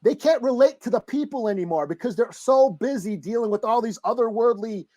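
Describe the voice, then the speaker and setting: A podcast co-host discussing comic books chats and debates casually, using informal, slangy language with plenty of swearing. The voice is mid-range and warm, moving a little fast.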